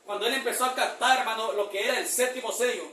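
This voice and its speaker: A high, bright male preacher delivers a sermon. He slows down on scripture passages and keeps saying "brother". His voice carries from a distance through an echoey church hall. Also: steady tone. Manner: reads verses slowly, repeats "hermano" often.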